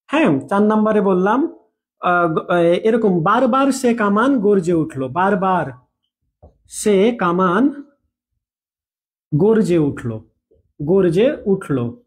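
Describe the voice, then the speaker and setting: A man with a high-sitting, slightly mellow voice teaches a recorded online grammar lecture in a chatty style. He repeats examples, checks in with his students often, and jokes with them mid-lesson.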